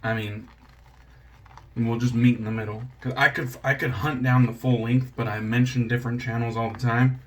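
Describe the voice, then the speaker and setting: A man's voice: medium pitch, steady tone, normal speed, a little hiss or hum. A man hosting a shaving channel, chatting casually and rambling while he shaves at home, joking about himself and swearing now and then. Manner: laid-back, rambling, self-deprecating, swears casually.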